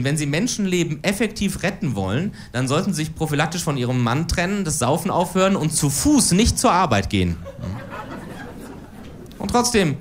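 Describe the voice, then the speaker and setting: Here a woman in her 40s works a live audience from the stage with political stand-up cabaret. She speaks in a deep voice with a dry, ironic edge, over slight background noise.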